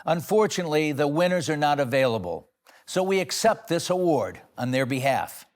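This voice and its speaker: A man's voice: a little high, expressive, moderate pace. A man hosting an awards show, giving comedic scripted links in a playful, jokey way.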